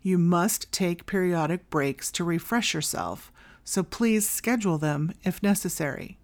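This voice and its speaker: A woman podcast host reading scripted practical advice in a tidy, instructional way, in short clear directives. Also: lowish voice, unhurried. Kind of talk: scripted solo advice narration.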